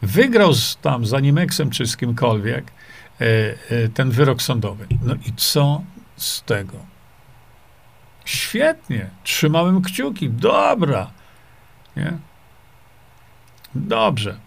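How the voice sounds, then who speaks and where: A man's voice: mid-range voice, big pitch swings, takes it slowly, creaky, pauses often. A middle-aged man hosting a livestream, reading viewer comments aloud and answering them in a rambling, dismissive way, with many fillers and repeated rhetorical questions. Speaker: livestream host.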